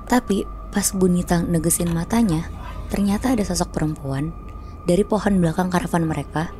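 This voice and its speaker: A woman's voice: on the low side, fairly quick, dark tone, soft background music. A woman casually telling a horror story on a podcast, chatty and slangy, acting out sounds.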